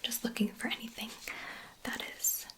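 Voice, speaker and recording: A woman doing a whispered role-play as a medical examiner, gently giving step-by-step instructions and reassurance in an ASMR style. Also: moderate pace.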